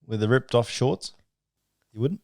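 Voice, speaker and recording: A man's voice: mid-range voice, expressive, unhurried, a little mellow, dry recording, clean studio sound. An Australian man co-hosting a podcast, insisting on his point and laughing often. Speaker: podcast co-host. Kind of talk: casual banter.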